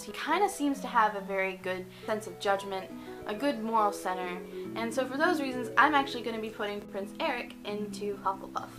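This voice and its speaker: A woman's voice: medium pitch, poor audio. A young woman hosting a casual vlog, chatty and opinionated, sometimes repeating words as she talks. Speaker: YouTube host. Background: music.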